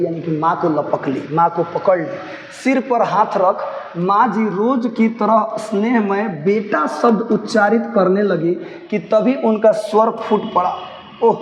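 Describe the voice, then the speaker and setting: A man's voice: high voice, darkish tone. Man explaining a story, echoey room. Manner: reads a line, then re-explains it in simple words with local dialect asides; keeps calling students to listen closely. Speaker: teacher. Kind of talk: line-by-line story explanation for students. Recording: echoey room, dull lo-fi sound, faint noise.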